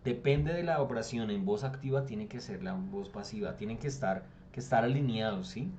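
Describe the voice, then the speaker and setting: A man's voice: fairly low pitch, darkish tone, a little hiss or hum. A man with a Colombian Spanish accent teaching an English grammar class online, patiently explaining and often checking that students follow. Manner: reads English text aloud slowly. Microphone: computer mic on a video call.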